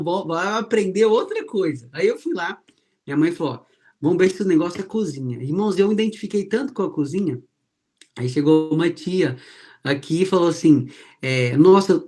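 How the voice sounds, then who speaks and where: A man preaching a sermon, telling personal stories and acting out the people he quotes. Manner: storytelling, acts out quoted voices with rising pitch.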